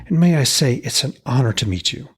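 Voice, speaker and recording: Storybook smith, played by a male narrator: hearty family man, chatty and deferential, husky voice with upward swoops. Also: mid-range voice, lively intonation, a little fast, pitched above the performer's own voice. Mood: delighted, respectful. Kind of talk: dramatised reading of a myth tale.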